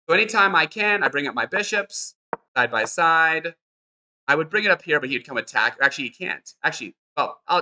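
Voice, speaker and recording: A man teaching a chess lesson over a board demonstration, with a very bright, forceful, tense voice that sits a bit high. He talks in an upbeat, encouraging way and keeps repeating short instructions as he moves the pieces.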